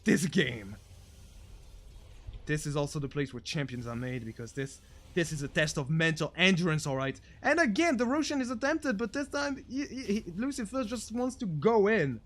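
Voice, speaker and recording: A man casting a video game match as comedic commentary, excitable and jokey, swinging between muttered asides and shouted hype. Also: high-pitched, moderate pace. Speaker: game caster.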